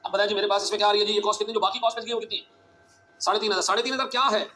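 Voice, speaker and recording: A male teacher giving a classroom lecture, talking fast and urgently, repeating phrases and quizzing his students. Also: high-pitched, level tone, pushed and bright.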